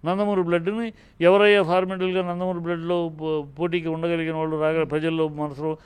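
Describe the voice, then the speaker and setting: A man's voice: on the high side, level tone, fairly quick, clear, resonant tone. A man, a film producer, talking combatively in a heated interview, indignant and often breaking off mid-word to restart. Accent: Telugu.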